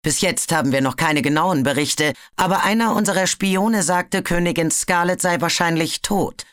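A storybook narrator voicing a calm sea dragon who speaks dryly and evenly. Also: mid-range voice, no echo, pitched above the performer's own voice, lightly acted. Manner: dry, measured. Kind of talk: audiobook character voice.

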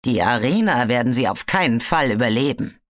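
Narrator voicing a cold ice dragon, hissing, sarcastic, sharp-edged storybook voice. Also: mid-range voice, animated, brisk, no room sound, studio quality, close to an everyday voice. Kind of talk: audiobook character voice.

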